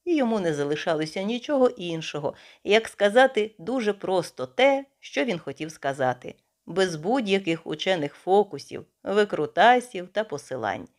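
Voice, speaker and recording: A woman reading the part of a chatty, excitable young vicar's wife in an audiobook, gushing along in breathless chatter. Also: mid-range voice, moderate pace, close to an everyday voice.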